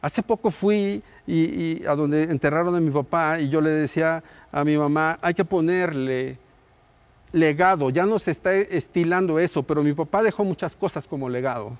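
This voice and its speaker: High-voiced pastor preaching. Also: male voice, moderate pace. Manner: builds emphasis through repeated phrases, dropping soft at the ends. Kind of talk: sermon.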